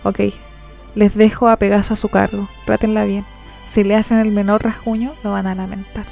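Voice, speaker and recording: A woman voicing a defiant, mocking teenage boy fighter in a storybook reading, with a gravelly edge to her voice. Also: mid-range voice, flat delivery, moderate pace, soft background music. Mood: shaken. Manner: taunting, shouting in anger.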